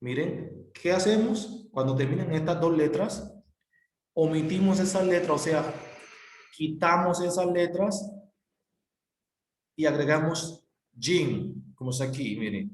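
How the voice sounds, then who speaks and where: In this recorded classroom explanation, a man whose voice sits on the high side gives a grammar lesson in an expressive, unhurried way. He is patient and repetitive, spelling out letters individually, and the room sounds echoey.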